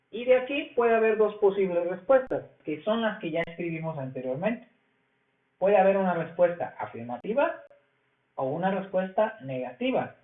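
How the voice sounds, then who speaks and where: A man with a Mexican Spanish accent teaching an English grammar lesson, explaining slowly and repeating each point. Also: high-pitched. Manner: slow, repetitive explaining. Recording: echoey, phone-like lo-fi sound.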